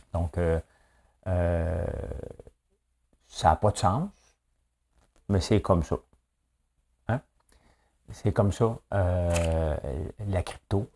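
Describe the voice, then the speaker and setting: A Québécois morning news commentator runs through the day's news solo in a chatty, loose way, adding little tag questions and exclamations. His low voice has a dark, mellow warmth.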